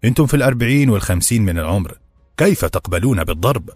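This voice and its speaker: A man's voice: on the low side, animated, racing, a little mellow, husky, no room sound, soft background music. A man voicing a defiant young servant with an Egyptian accent who argues firmly and passionately. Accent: Egyptian Arabic. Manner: firm, impassioned arguing. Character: defiant young male servant demanding dignity.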